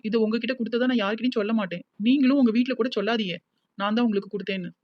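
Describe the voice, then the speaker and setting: A voice actor playing a devoted young village woman with a Tirunelveli accent, who talks in a gentle, comforting but insistent way in a cartoon. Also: mid-range voice, rapid-fire, highs cut off, lightly acted. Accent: Tirunelveli Tamil.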